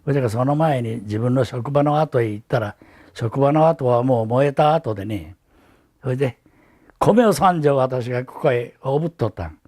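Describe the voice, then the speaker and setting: An elderly man speaks with a Hiroshima accent at a medium pitch. He recalls his past as a witness giving testimony. His telling is halting and reflective, in the manner of an old man looking back. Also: dark tone. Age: elderly, 80s or older. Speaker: atomic bomb survivor giving testimony. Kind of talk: recorded oral testimony, reminiscing.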